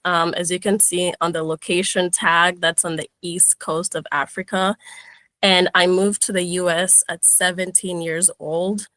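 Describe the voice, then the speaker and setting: A woman's voice: lowish voice, level tone, a little slow, bright, forceful tone, no echo. A young woman from Kenya, a guest speaker giving an upbeat webinar presentation over a video call, with frequent "um"s and restarts.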